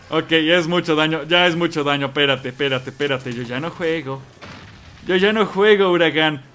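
A young Mexican man with a Mexican Spanish accent commenting on his own gameplay, excitable and quick to yelp and curse. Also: on the high side. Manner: excitable, yelps and curses at the game. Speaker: gamer. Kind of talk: let's play commentary.

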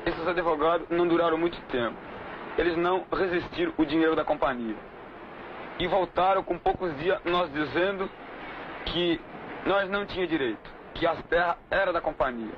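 High-pitched man giving measured testimony. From Trindade, Brazil. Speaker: community spokesman. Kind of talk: interview testimony. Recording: muffled 1979 film audio, faint hiss.

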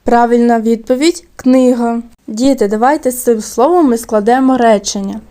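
A woman teaching a recorded lesson to second graders, with slow, clear diction and words drawn out syllable by syllable. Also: on the high side, mellow. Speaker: primary school teacher.

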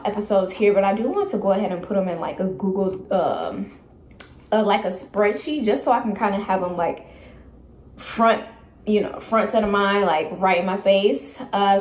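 A woman's voice: mid-range voice, a little mellow. Chatty woman in her late twenties. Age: late 20s. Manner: loose and chatty, full of "like" and "um". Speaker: vlogger. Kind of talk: casual vlog chat to camera. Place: at home.

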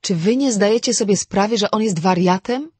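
A man's voice: high-pitched, fairly quick, darkish tone, husky, no room sound, pitched above the performer's own voice. A man reading an audiobook, voicing a frightened young woman in a strained, rising voice. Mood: frantic. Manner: strained, rising to near panic.

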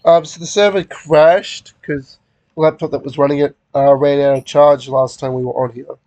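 Young man, fairly high voice, casual game chat, rambling, self-correcting. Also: steady tone, normal speed, a little mellow, dry recording, lo-fi sound. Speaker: host of a game channel.

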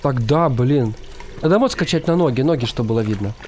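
A young man giving casual, jumpy and excitable commentary as he streams a co-op horror game. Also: medium pitch, brisk, background noise. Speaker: gaming streamer. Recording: game music behind the voice.

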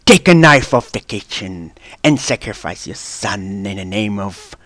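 A man voicing a commanding, ominous voice from above that gives low, hushed, solemn orders. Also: lively intonation, measured pace, no room sound, clean studio sound.

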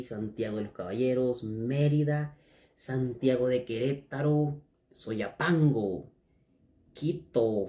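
A man's voice: medium pitch, mellow. A man chatting casually in a vlog, reading lists aloud and musing to himself as he goes. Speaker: vlogger.

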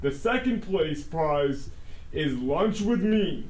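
A man acts out a theatrical school principal making a scripted announcement. He booms like a prize announcer, high-pitched and unhurried, in an echoey recording. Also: animated, a little mellow, slight background noise. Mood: grand, commanding.

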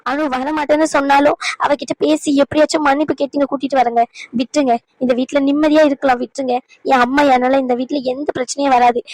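Woman playing a worried cartoon mom, high voice, pleading, dry close sound. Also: no echo, lightly acted, rough recording. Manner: pleading, soothing. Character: pleading anxious middle-aged mother. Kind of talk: cartoon dub acting.

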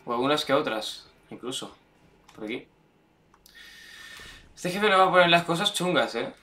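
A young man with a Spanish accent from Spain, commenting on his gameplay, excitable, shouting and swearing at the game. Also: a little high, normal speed. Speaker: gameplay streamer.

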